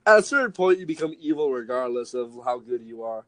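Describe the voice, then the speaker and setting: A man's voice: mid-range voice, sing-song, brisk, crowd noise, low-quality recording. A young man co-hosting a podcast, rambling jokily in casual chat and filling his talk with "like". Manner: rambling, jokey, lots of "like". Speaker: podcast co-host.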